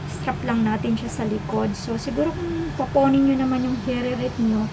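Middle-aged Filipino woman vlogger, muffled through a face mask, casual and chatty, clear background noise. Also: fairly high pitch, fairly quick. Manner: chatty, mixes English and Tagalog, playful asides. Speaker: vlogger reviewing a product. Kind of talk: casual product demo.

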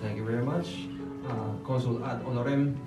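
A young man acting as master of ceremonies at a formal award ceremony, politely calling people up with many hesitant pauses. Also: medium pitch, fairly even intonation. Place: hotel function room, at a lectern. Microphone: lectern microphone, filmed from far off. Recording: roomy far-off hall sound with music. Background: background music.

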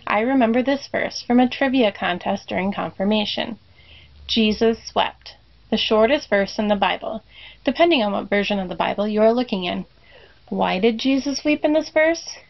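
Woman, middle-aged, higher voice, children's sermon reflection, deliberate repeated refrain, dull lo-fi sound. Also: vocal fry. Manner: slow, deliberate repetition of a refrain. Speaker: congregation member giving a reflection.

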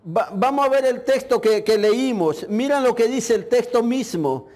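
A man's voice: very high voice, unhurried, darkish tone. A male pastor preaching a sermon, telling a personal testimony in an earnest, emotional way. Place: church in Puerto Rico.

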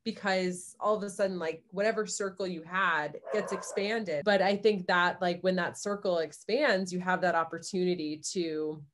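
Lower-voiced young woman guest. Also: fairly even intonation, normal speed, few pauses, slight background noise. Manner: eager, explains step by step. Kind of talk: casual chat.

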